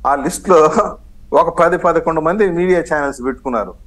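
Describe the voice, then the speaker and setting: A man's voice: a little high, brisk, rough recording. Combative man in a TV debate. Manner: combative, sarcastic, mixes in English phrases. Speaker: political party spokesman, debate guest. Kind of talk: heated TV news debate.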